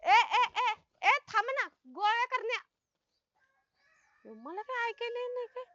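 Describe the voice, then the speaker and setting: An actress playing a loud, bossy village woman who talks in a rustic, scolding way. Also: extremely high pitch, expressive, measured pace, dry recording, heavily acted. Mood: bossy, puzzled. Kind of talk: comic web film acting. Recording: dull, dry film sound.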